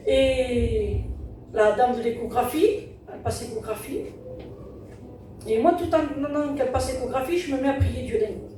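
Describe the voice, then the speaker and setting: A woman's voice: high-pitched, normal speed, mellow, a little hiss or hum. Woman, church testimony, earnest repetitive retelling, far from the mic, heavy hall echo. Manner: earnest retelling, constantly repeating "I said" and "he said". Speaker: church member giving testimony. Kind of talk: spoken testimony at a church service. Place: church hall during a service. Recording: very echoey hall, distant mic, music behind.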